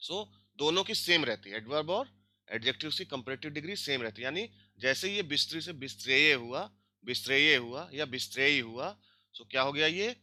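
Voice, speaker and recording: A man's voice: on the high side, lively intonation, moderate pace, pushed and bright. A man teaching a grammar lesson, explaining step by step and often checking that listeners follow. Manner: repeats and checks understanding with frequent tag questions. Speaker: language teacher.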